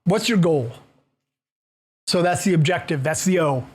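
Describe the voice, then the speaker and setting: A man with a fairly high voice leads a live workshop in a meeting room. He talks casually with plenty of fillers and restarts, often putting questions to the audience as he walks about the room. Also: expressive, measured pace, breathy edge. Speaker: workshop presenter. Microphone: room mic, moves around while talking.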